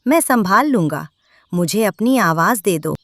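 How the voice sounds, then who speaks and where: A woman acts out a greedy, envious male crow from a children's cartoon. The delivery is insistent and grumbling, swinging widely in pitch. The sound is dry, with no room around it. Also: animated, measured pace, no room sound. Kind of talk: children's cartoon story acting.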